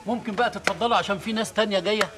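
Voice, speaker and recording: A man's voice: high-pitched, fairly even intonation, racing, lightly acted. A man playing a generous Egyptian shopkeeper. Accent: Egyptian Arabic. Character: kindly generous middle-aged shopkeeper. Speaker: shop owner. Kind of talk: TV drama acting.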